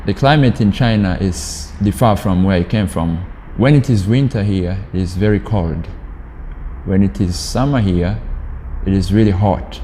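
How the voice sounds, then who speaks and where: A young Rwandan university student with a low, mellow voice responds to interview questions haltingly, with frequent pauses and fillers as he hunts for words. A long, hall-like reverb and faint underlying noise mark the recording.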